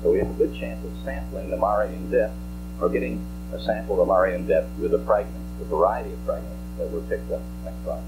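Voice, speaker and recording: A man with a low voice lectures through a slide presentation. He explains technical detail in a halting, deliberate manner, on an archival recording with hum and musical tones underneath. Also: loud music behind the voice, rough recording. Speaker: scientist presenting slides at a press briefing. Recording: archival press-conference audio with hum.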